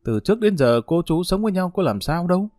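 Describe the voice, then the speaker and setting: A man playing a scornful, sharp-tongued aunt. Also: sits high, sing-song, fast talker, no room sound, studio quality, voice pushed up. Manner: scornful, complaining.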